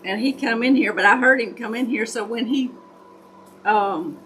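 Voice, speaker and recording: Woman, Southern US accent, higher-pitched, folksy country hillbilly talk, casual livestream chat, noisy background. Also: moderate pace, a bit bright. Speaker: craft livestream host. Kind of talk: casual chat, storytelling to live viewers.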